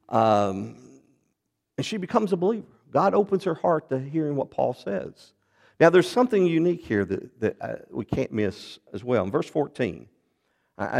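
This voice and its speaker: A man preaching a sermon in a mid-pitched voice with a gravelly edge. He tells the story animatedly, jumping up in pitch and volume and then dropping low.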